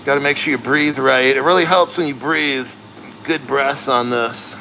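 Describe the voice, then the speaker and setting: This livestream host talks to his viewers plainly and casually from neck-deep in an ice bath, earnest while the cold strains his voice. His tone stays steady and sharp at a normal speed, though the audio is poor with slight background noise.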